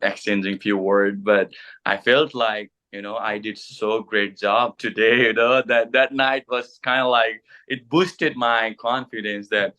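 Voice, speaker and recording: A pastor in his thirties, from Bhutan and a native Nepali speaker, telling his story in an interview with many pauses, fillers and restarts. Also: fairly low pitch, fairly even intonation, bright, forceful tone, highs cut off. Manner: hesitant, many fillers and restarts, halting English. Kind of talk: casual interview.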